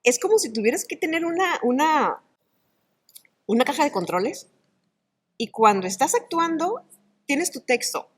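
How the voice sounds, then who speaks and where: A middle-aged woman, an actress and oral storyteller, talking in an interview in an animated, expressive way. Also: high voice, normal speed, pauses often. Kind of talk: conversational interview.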